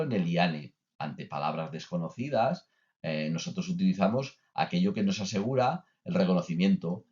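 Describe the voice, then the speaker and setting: A teacher trainer delivers a recorded course lecture to teachers in a conversational style, with many filler sounds and restarts. His voice is low with a darkish tone, and the recording is dull and lo-fi.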